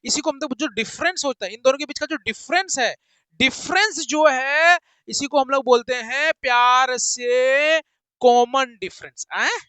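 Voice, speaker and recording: High-pitched jokey man teaching maths. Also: unhurried, clear, resonant tone, no echo, low-quality recording. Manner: jokey, teasing, sing-song, switches between loud and soft. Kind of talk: playful online maths lesson.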